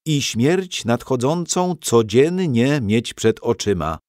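A mild old monk speaks in a soft, patient voice, put on by a male storyteller. He lets each word fall slowly and calmly, quoting his rule without anger. His tone lifts and dips with feeling. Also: medium pitch, dry recording, clean studio sound, voice pushed up. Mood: gentle calm. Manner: soft, unhurried, scripture-quoting.

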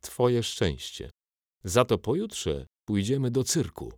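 A man's voice: fairly low pitch, very animated, slow pace, a little mellow, dry recording, studio quality, voice pushed up, full character voice. A man voicing a deceitful, smug grown man in a storybook reading. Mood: smug sly. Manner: smug, hypocritical.

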